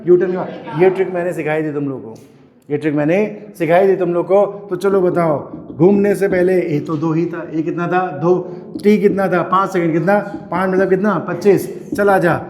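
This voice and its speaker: Calling out questions for the class to answer in chorus, a male physics teacher at a coaching institute teases his students playfully during a lecture. He speaks at a moderate pace in a steady, high, slightly mellow voice, and the sound is that of a large hall.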